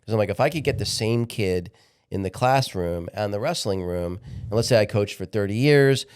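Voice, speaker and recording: A man's voice: on the low side, darkish tone, smooth. A man of sixty, a podcast guest talking candidly in a casual interview, often restarting his sentences. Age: 60s. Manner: candid, halting, repeats words when restarting.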